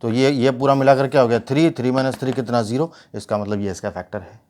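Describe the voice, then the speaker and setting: A man's voice: medium pitch, steady tone, fast, darkish tone. A male math teacher, explaining steps and asking rhetorical questions. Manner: mixes English math terms into speech. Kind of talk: whiteboard math lesson.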